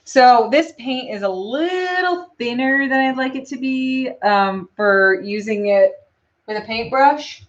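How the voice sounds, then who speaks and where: A woman hosting a live painting tutorial, thinking aloud in a relaxed, chatty way with frequent ums and answering viewer questions. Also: fairly high pitch, takes it slowly, dull audio. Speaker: custom lure painter hosting a live stream.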